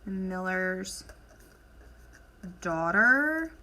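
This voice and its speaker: An elementary school teacher leads an instructional lesson for children, posing questions, encouraging answers and dictating deliberately as she writes on the board. Her mid-range voice is animated, with a sharp tone.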